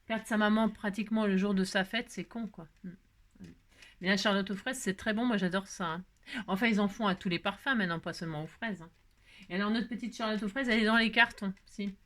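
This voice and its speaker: Talking a little fast in a medium-pitched, fairly bright voice, this craft video host from France rambles casually to her viewers. Her chat is full of fillers, and she keeps interrupting herself.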